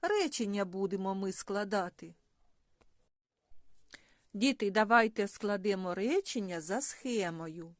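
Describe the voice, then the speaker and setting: A woman teaching a phonics lesson to young children, asking questions in a clear, sing-song teacher's manner. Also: medium pitch, lively intonation, unhurried, pauses often, no echo, studio quality. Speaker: primary school teacher.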